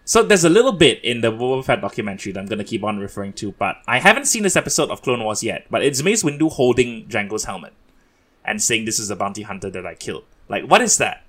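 A man's voice: medium pitch, big pitch swings, fast, fairly bright tone. A man from Singapore hosting a casual podcast chat, chatty and laughing often. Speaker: podcast host.

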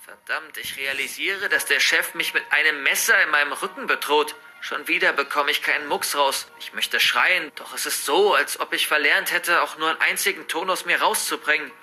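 A man's voice: a little high, moderate pace, hardly any pauses, bright, forceful tone, faint music behind. A man narrating a first-person horror story in a tense, dramatic reading.

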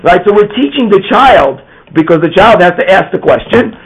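A man's voice: sits high, expressive, moderate pace, slightly rough. A man teaching an informal Torah class, often repeating words and asking "right?" as he goes. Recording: muffled lo-fi room recording.

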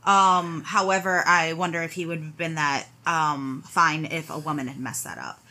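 Bright-voiced woman co-hosting casually. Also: deep voice, steady tone. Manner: quick to laugh, blunt, chatty. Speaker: podcast co-host. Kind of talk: casual chat.

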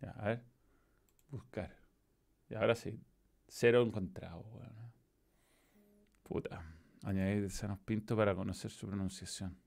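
A man's voice: lowish voice, fairly even intonation, measured pace, creaky, long pauses, a little mellow. A man with a Chilean accent hosting a football stream in casual chat, loose and swearing freely as he reads out chat messages. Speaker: football show host.

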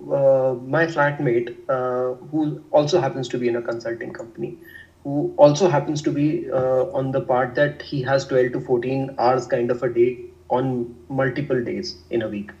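A man's voice: mid-range voice, steady tone, moderate pace, darkish tone, distant mic, muffled recording. A young man from India with a North Indian accent, talking conversationally as an interview guest in an explanatory, self-repeating way. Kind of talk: conversational discussion of work life.

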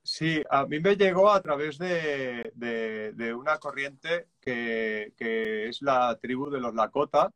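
Calm man explaining drum rhythms. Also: medium pitch, takes it slowly, hardly any pauses. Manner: calm and reflective, hesitant restarts, counts beats aloud. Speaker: guest musician and drummer.

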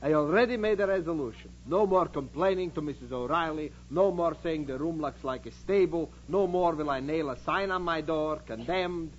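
High-voiced wry old professor, acted by a man, old radio. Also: moderate pace, hardly any pauses, close to an everyday voice. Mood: wry, genial. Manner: wry, self-mocking, put-upon. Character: short, bearded, grumbling yet kindly old immigrant professor. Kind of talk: 1940s radio comedy acting. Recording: dull, noisy old radio, live audience.

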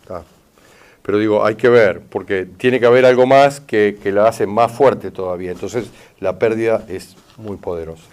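Low-voiced River Plate man, insistent. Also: normal speed, a little mellow. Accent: Rioplatense Spanish. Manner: insistent, repeats "¿está bien?" and "mirá". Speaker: therapist giving a session. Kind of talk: consultation with an audience member.

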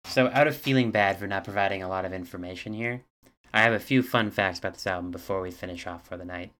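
Deep-voiced man sharing album facts. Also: fast, a bit bright. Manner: reads album facts from notes, hesitant fillers. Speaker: podcast co-host. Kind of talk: casual chat.

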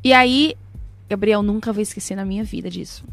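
A woman telling a personal story in a casual chat, animated and emotional, acting out quoted prayers and voices. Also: medium pitch, fairly quick, vocal fry, soft background music. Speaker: guest.

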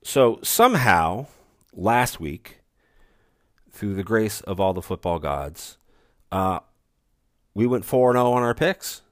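A man co-hosting a casual sports podcast, talking in an animated way that swings between excited boasting and mock-confessional asides. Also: lowish voice, takes it slowly, long pauses, dry recording, studio quality. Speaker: podcast co-host.

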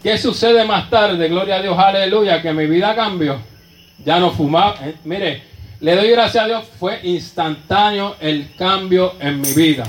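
A fervent male preacher with a Puerto Rican Spanish accent tells his story from the pulpit, breaking into praise every few breaths. His voice sits high for a man. The sound rings around an echoey church room. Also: unhurried. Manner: fervent, with constant interjections of praise. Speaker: pastor. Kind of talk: sermon testimony.

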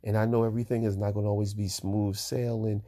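A man's voice: fairly low pitch, flat delivery, quick pace, dark tone. A middle-aged man hosting a casual solo podcast between songs, talking in an easygoing, rambling way with many fillers and repeats. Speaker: podcast host.

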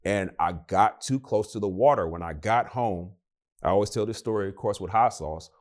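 Speaking at a moderate pace in a fairly low voice, a young man being interviewed casually as a guest recounts his story. He's animated throughout, performing the quoted voices of the people in it.

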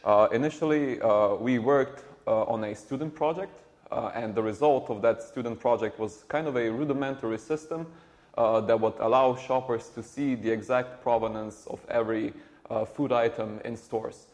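A man, a startup co-founder answering interview questions in a halting way with many repeated words. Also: mid-range voice, darkish tone. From Slovenia. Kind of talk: conversational interview.

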